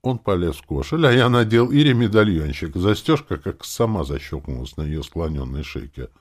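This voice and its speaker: A man reading a first-person fantasy audiobook in an expressive, wry storytelling manner. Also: sits low, normal speed. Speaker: audiobook narrator.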